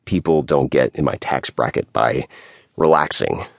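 A man's voice: extremely low pitch, measured pace, vocal fry, dry recording, studio quality, exaggerated voice. A man doing a cold, clipped young tycoon. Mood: cold commanding. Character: cool, curt young rich businessman.

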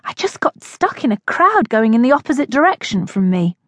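A woman's voice: a little high, sing-song, a little fast, no echo. A woman narrator voicing a flustered young woman caught in a crowd, speaking urgently and breathlessly.

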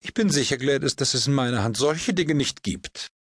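A man's voice: medium pitch, animated, moderate pace, fairly bright tone, husky, no room sound, studio quality, voice pushed up. A man voicing a prim, earnest older duchess in an audiobook. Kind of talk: audiobook character voice.

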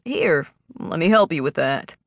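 Brief: a woman doing a smug young male shifter alpha, lowered voice, lazy mocking drawl, audiobook. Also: expressive, a little slow, no room sound. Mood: dry teasing. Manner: dry, lazy, teasing delivery.

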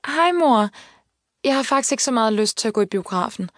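Woman doing a shy 12 yr old girl, higher voice, flustered, dry studio sound. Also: lively intonation, no room sound, lightly acted. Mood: evasive. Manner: flustered, hurried replies. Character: shy, embarrassed twelve-year-old girl. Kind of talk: audiobook character voice.

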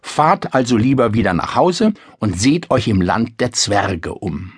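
A man voicing a sharp-tongued, theatrical young princess in a storybook reading. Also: fairly low pitch, expressive, measured pace, breathy edge, no echo, clean studio sound. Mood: mocking. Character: haughty, mocking young princess.

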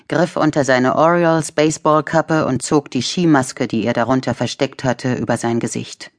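A woman narrating a thriller audiobook in measured, tense storytelling. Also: rumbling low. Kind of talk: scripted narration.

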